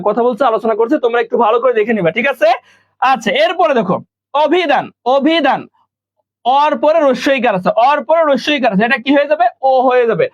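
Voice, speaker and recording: A man from Bangladesh teaching an online class, patiently repeating each point and quizzing his students. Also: very high voice. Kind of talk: online live class lesson. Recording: dull lo-fi recording.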